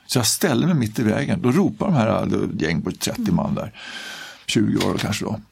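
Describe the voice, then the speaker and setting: A middle-aged man telling blunt, animated stories about his neighborhood in a casual interview. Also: lowish voice, gravelly, breathy edge. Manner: blunt, animated, tag questions. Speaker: local resident interviewee. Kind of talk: casual storytelling.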